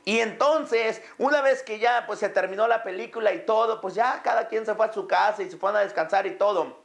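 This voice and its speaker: A man telling a parable to his audience, often speaking to them directly and pausing on hesitant fillers. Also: high voice, gravelly. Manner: addresses listeners directly, many hesitant fillers. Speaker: motivational business speaker.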